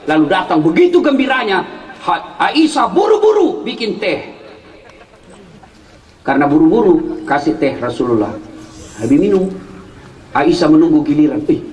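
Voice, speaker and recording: A man preaching a humorous sermon to a congregation, telling stories and shouting his punchlines. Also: sits high. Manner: joking storyteller who shouts punchlines at the congregation. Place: large hall with an audience. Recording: echoey hall, distant mic, faint crowd.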